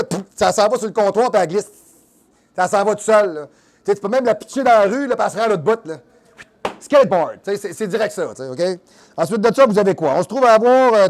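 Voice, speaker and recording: A man hosting a fitness show in a Québécois French accent, mixing coaching with crude, teasing jokes. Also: high voice. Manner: joking, crude, teasing asides; instructive coaching during exercise demo. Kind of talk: comedic fitness show monologue.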